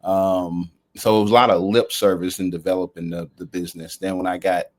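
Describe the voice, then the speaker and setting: A man who owns a food truck, chatting casually and telling stories in a relaxed, lively way. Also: low voice, fairly quick. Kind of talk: casual chat.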